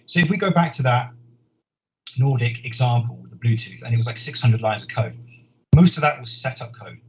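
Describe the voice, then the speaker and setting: A man, a software engineer, giving a conference talk in an earnest, explanatory way, often repeating words as he thinks. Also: medium pitch. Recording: dull lo-fi sound with faint noise.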